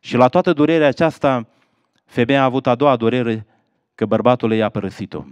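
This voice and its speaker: A man's voice: fairly even intonation, no room sound, muffled recording. A man with a Moldovan Romanian accent preaching an evangelistic sermon, telling a sad story dramatically and then pressing listeners with rhetorical questions. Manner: dramatic storytelling, dropping low for sad parts and rising for quoted voices. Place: village house of culture.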